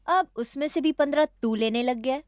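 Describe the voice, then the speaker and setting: A woman's voice: high-pitched, fairly quick, natural voice. An actress playing a blunt, mocking divorced wife who insists on her alimony, in a film comedy. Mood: teasing. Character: sharp-tongued divorced wife demanding alimony.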